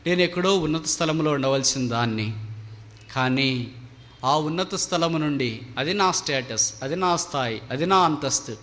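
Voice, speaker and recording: A man's voice: fairly high pitch, normal speed, fairly bright tone, lightly acted. A man preaching in a sermon, voicing a dying male eagle king who laments in repeated mournful phrases, his words ringing in a long hall reverb. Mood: sorrowful.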